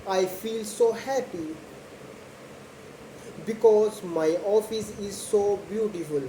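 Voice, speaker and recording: This young host of a slow English practice video, not a native English speaker, gives a monologue about her daily routine for learners. Her mid-range voice is mellow and soft around the edges, and she moves through short, simple phrases at a very slow, careful pace with pauses. Faint background noise and an echoey room can be heard.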